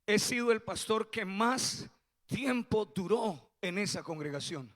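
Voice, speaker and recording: A man preaching a fervent sermon as a pastor, building from quiet storytelling to shouted proclamations. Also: sits high, animated, a little slow.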